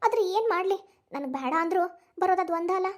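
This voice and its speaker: Voicing a cartoon character, a woman plays a grieving mother who is tearful and protective as she reunites with her son. She speaks with a North Karnataka Kannada accent at an extremely high pitch, quickly and with lively intonation.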